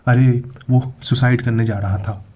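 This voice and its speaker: A young man talks through a screen-share explainer. His voice is dark and husky, and his delivery is emphatic, with frequent checks that the listener follows. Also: medium pitch, fairly even intonation, measured pace. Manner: emphatic, repeats "thik hai" as he goes. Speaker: YouTube explainer.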